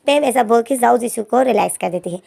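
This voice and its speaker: Woman, Indian accent, sore throat, high voice, casual storyteller, filler-heavy retelling. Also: quick pace, creaky, a little mellow. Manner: retells scenes with quoted dialogue, many fillers. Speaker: fanfiction narrator.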